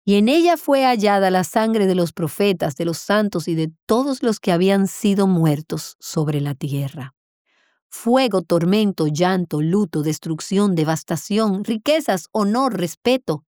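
An earnest woman Bible teacher reads scripture and preaches on it, with measured, emphatic delivery. Her voice sits at an ordinary middle pitch for a woman and sounds close, with no room echo. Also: lively intonation, darkish tone. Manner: earnest, measured and emphatic, slowing for solemn passages. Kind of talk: scripture reading with sermon commentary.

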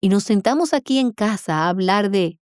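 An earnest woman Bible teacher reads scripture and preaches on it, with measured, emphatic delivery. Her voice sits at an ordinary middle pitch for a woman and sounds close, with no room echo. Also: expressive, darkish tone, clear, resonant tone. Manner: earnest, measured and emphatic, slowing for solemn passages. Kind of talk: scripture reading with sermon commentary.

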